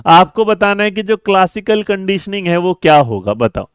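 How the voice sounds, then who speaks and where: Male exam-prep tutor, live online class; coaxing, quick to quiz students, slightly high pitch, smooth and resonant. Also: very animated, no echo, studio quality. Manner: brisk, coaxing, calls students 'beta' and 'mere bachche'; reads and answers chat messages mid-lesson.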